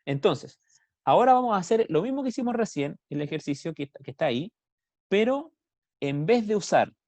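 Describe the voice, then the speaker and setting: A man's voice: high voice, very animated, normal speed, a little mellow, dry recording. A man with a Chilean Spanish accent teaching a math class on a video call, explaining step by step and asking students questions. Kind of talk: online class lecture.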